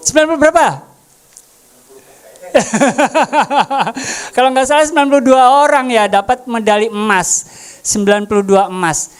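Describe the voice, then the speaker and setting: A woman's voice: high-pitched, smooth. A woman preaching a casual sermon, joking and asking the congregation questions. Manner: jokey, asks the congregation questions.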